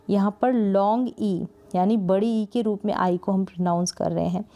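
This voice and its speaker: A woman from India gives a patient spelling lesson, repeating each word several times and breaking it into slow, stretched syllables. Her voice is mellow and soft-edged, pitched in an ordinary middle range. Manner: slow, drawn-out syllable-by-syllable pronunciation drills; patient, repeats words often with "thik hai" checks. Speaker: English spelling teacher. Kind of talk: explanatory lesson.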